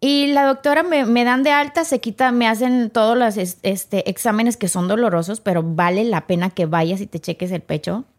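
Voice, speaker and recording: A woman's voice: fairly high pitch, moderate pace, hardly any pauses. A woman, a podcast guest telling her own story with emotion and acting out the people in it. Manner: animated, acts out quoted dialogue.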